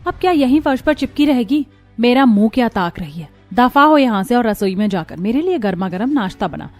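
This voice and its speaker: A woman's voice: fairly high pitch, lively intonation, a little fast, natural voice. A woman voicing a cruel middle-aged mother-in-law in a cartoon, harsh and taunting, over faint music. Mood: scolding. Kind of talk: cartoon voice acting.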